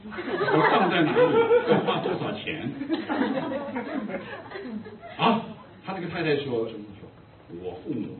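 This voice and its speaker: A man's voice: sits high, sing-song, unhurried, pauses often, a crowd in the background. An older man preaching a sermon as a pastor, telling humorous anecdotes. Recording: distant echoey phone-like recording.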